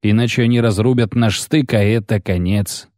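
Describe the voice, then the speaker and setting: A man voicing a calm, grave male king who speaks quietly but clearly. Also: lowish voice, moderate pace, no echo, clean studio sound, lightly acted.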